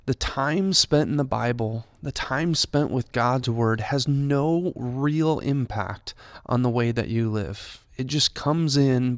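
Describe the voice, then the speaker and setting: A man's voice: mid-range voice, no echo, studio quality. A man who works for a church, giving a conversational devotional Bible talk with touches of light humor.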